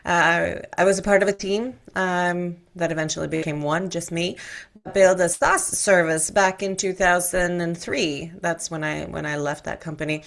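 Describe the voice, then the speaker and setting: Speaking in a lowish, creaky voice, a middle-aged woman from Sweden who has an American accent talks openly and informally as an interview guest. She's appearing on a podcast as a tech expert.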